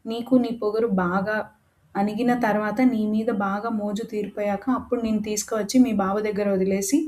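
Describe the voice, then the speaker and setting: A woman's voice: mid-range voice, level tone, a little fast, darkish tone, natural voice. A woman voicing a brash, teasing young man in a romance audio story, boastful and playful toward his fiancée.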